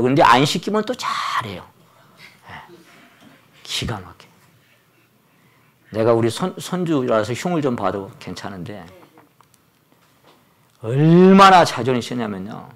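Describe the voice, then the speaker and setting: Animated older male pastor preaching. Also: medium pitch, a little slow, pauses often. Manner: animated storytelling, acts out quoted voices. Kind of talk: sermon. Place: church service.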